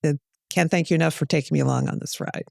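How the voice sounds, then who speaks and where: An older woman co-hosting a podcast in casual chat, easygoing and a little halting. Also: low-pitched, steady tone, vocal fry, a little mellow, no room sound, studio quality. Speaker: podcast co-host.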